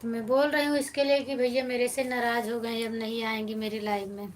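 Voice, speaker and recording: A fairly high-voiced woman with an Awadhi accent hosts a casual live stream. She talks in a chatty, friendly way, reading viewers' comments aloud and teasing them as she answers. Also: level tone, fairly quick, slight background noise.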